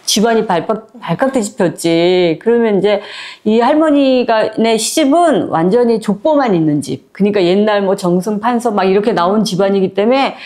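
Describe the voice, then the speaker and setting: A woman's voice: medium pitch, lively intonation, moderate pace, darkish tone. A woman casually retelling a short story in a chatty, conversational way, with plenty of fillers. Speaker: book storyteller.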